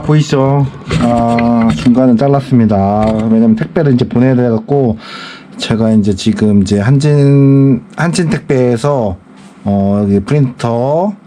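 A mellow, mid-range male voice belongs to a man in his forties packing parcels indoors for his small online shop. He chats loosely, thinking aloud with frequent sighs, and there is slight background noise.

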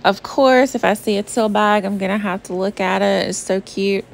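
A woman's voice: mid-range voice, moderate pace. A young adult woman from the southern US, narrating a shopping trip in a casual, bubbly voice-over full of "um" and "like". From Southern United States. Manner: chatty and bubbly, many fillers like "um" and "like". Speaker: shopping vlogger. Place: voice-over recorded apart from the pictured store. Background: faint background music.

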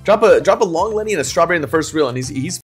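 Casting: young male frat-bro streamer, high lively voice, excitable and repetitive, hyping gambling play. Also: racing, soft background music. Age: young adult. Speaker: livestream host. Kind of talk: excited gambling livestream commentary. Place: indoor room at home.

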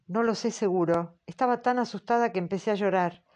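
A woman reading the part of a frightened young woman answering questions, in a soft, hesitant way. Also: mid-range voice, fairly quick, natural voice. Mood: fearful. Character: frightened young woman witness, timid and polite. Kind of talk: audiobook character reading.

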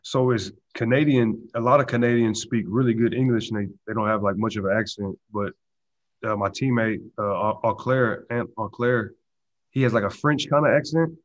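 Laid-back young man, low voice, lo-fi. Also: normal speed, no room sound. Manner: relaxed, many "you know" and "uh" fillers. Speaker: football player answering press. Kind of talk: press conference answers. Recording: dull lo-fi video call audio.

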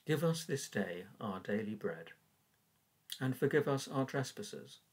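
Older man reading prayers, husky voice. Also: mid-range voice, very animated, low-quality recording. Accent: English. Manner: measured, earnest reading voice. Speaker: church warden leading prayers. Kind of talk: reading and devotional reflection. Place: small room indoors. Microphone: webcam at desk.

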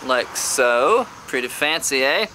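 A man's voice: medium pitch, animated, takes it slowly, pushed and bright, slight background noise. A man talking casually through a bone carving project in his workshop, thinking aloud with frequent fillers. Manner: thinking aloud with many "um"s, upbeat when things work.

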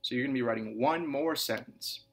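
A kindergarten and first grade teacher gives a lively writing lesson in a recorded video for young children. His voice is medium-pitched and a little fast. He repeats each point, calls the children "scholars," and puts a lively, sing-song emphasis on example sentences.

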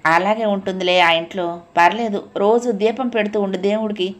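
A woman voicing a caring elderly grandmother who speaks gently and reassures her granddaughter. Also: medium pitch, fairly even intonation, normal speed, lightly acted.

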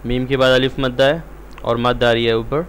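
A man's voice: medium pitch, flat delivery, a little hiss or hum. Man teaching Quran recitation rules. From Pakistan. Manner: quick explanations between slow, drawn-out recited words. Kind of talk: Quran recitation lesson with slow drawn-out recitation.

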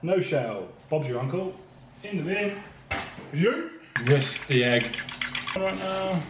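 A man's voice: on the high side, animated, takes it slowly, distant mic, noisy background. A young man cooking while chatting to the camera, swearing and mocking himself as he goes. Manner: sweary, chaotic, self-mocking running commentary. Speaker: vlogger cooking a dinner-party meal. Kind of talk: casual cooking vlog chat. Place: home kitchen. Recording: echoey kitchen, voice off-mic, faint music.

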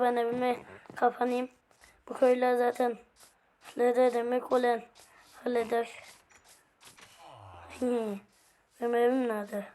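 A woman with a hoarse voice giving casual game commentary, chatting to her viewers and to the game's characters as she plays. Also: on the high side, warm tone, a little hiss or hum. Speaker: gameplay video host.

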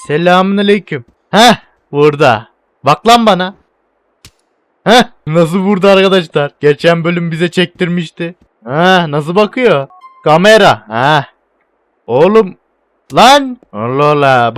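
Young male gaming commentator, high voice, excitable and loud at action moments. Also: no room sound. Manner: excitable, laughing, shouting at game events. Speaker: gaming YouTuber. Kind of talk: gameplay commentary.

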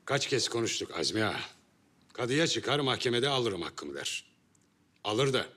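Measured guild elder, swinging pitch. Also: male voice, very animated. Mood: measured, resigned. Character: measured middle-aged male guild sheikh. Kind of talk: historical drama acting. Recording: loud music behind voice.

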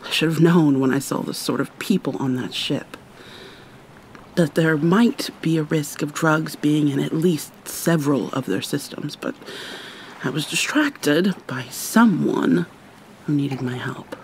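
A deep, unhurried female voice with some light background noise plays a vampire mermaid in ASMR. The character is irritable and haughty while secretly caring, and she speaks in a sardonic, formal way with exasperated sighs.

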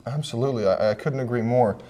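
A man's voice: medium pitch, fast, mellow. A man hosting a local TV arts show, friendly and stumbling a little over his questions. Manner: friendly, hesitant restarts. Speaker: host. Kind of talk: local TV interview. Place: local TV studio.

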